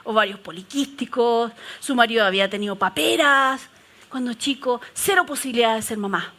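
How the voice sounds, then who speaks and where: A middle-aged woman pastor preaches from the pulpit. Her voice sits high and rings bright, and she tells her stories with animated swings between firm proclamations and hushed prayer. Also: fairly quick. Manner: animated storytelling preaching, shifting from loud declarations to soft prayerful tones. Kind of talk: sermon.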